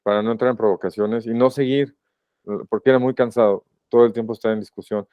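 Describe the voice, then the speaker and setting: A man with a Mexican accent, a podcast guest giving a personal account in a reflective, halting, emotional way. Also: mid-range voice, steady tone, clear, resonant tone, no echo, highs cut off. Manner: reflective, halting and emotional, often pausing to rephrase. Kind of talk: personal testimony in a podcast interview.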